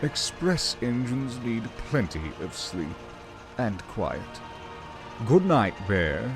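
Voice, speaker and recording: A man voicing a sleepy, grand old express steam engine, talking slowly and drowsily. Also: mid-range voice, big pitch swings, music in the background, pitched above the performer's own voice. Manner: slow, drowsy speech.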